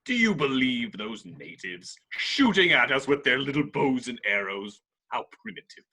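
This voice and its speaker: A man's voice: medium pitch, very animated, normal speed, sharp tone, husky, heavily acted. A man playing a gleeful, villainous pirate captain in a table read, theatrical and mocking. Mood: scornful. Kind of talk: amateur table read acting.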